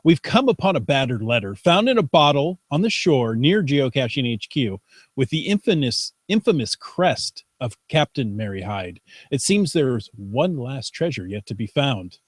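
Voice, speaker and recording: A man co-hosting a casual podcast, chatty and playful as he reads the news aloud. His pitch moves around a lot. The sound is dry and close, like a call recorded at home. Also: big pitch swings, moderate pace, no echo. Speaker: podcast co-host. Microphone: video call.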